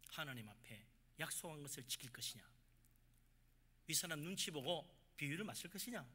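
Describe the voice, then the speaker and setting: A man preaching a sermon as pastor of a church, with emphatic swings between loud exhortation and quiet asides. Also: a little high, animated, fairly quick, slightly rough.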